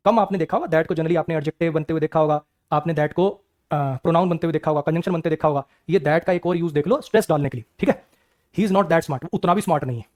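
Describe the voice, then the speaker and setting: A man's voice: on the high side, a little mellow. A man teaching an exam-prep English grammar lecture, firing rhetorical questions at his students.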